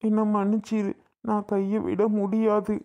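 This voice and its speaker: A woman playing a cartoon ex-boyfriend, young man, begging, insistent, medium pitch. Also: monotone, unhurried, warm tone, lightly acted. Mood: pleading. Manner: pleading, insistent. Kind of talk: cartoon voice acting.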